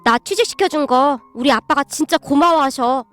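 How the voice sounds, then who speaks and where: A woman's voice: high-pitched, normal speed, soft background music. A woman voicing a cheerful, loyal young man who is a secretary and friend in a storybook reading. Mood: gleeful. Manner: cheerful, excited.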